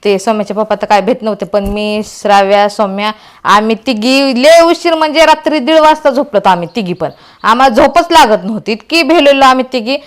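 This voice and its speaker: A woman's voice: on the high side, no room sound. A woman, telling a story to her vlog viewers and acting out the dialogue. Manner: animated retelling with quoted dialogue. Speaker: vlogger.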